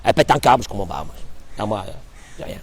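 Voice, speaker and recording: A man's voice: very animated, rapid-fire, slightly rough, no echo, exaggerated voice. A man doing a smug muttering husband. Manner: mutters smugly in a lowered voice.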